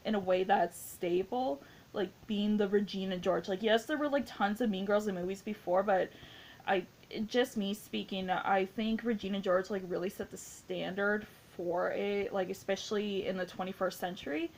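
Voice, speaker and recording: A woman's voice: medium pitch, fairly even intonation, moderate pace, darkish tone, a little hiss or hum. Gushing young woman rambling about a film. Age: 20s. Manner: rambling, gushing, heavy use of "like". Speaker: movie reviewer. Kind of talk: casual spoken movie review.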